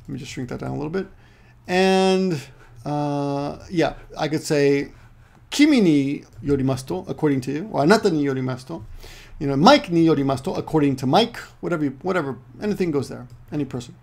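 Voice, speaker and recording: Brisk and gravelly with a slightly mellow quality, the voice sits a little high. It belongs to a middle-aged Peruvian in Japan running a loose online Japanese class, frequently fixing his own words and cracking jokes.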